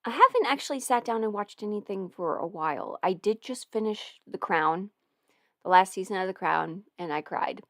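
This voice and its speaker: Eating ramen at home, a woman in her twenties answers viewer questions on a relaxed livestream, rambling and giggling with many fillers right up against the microphone. She sounds expressive and fairly bright in a mid-range voice at a moderate pace, with no echo.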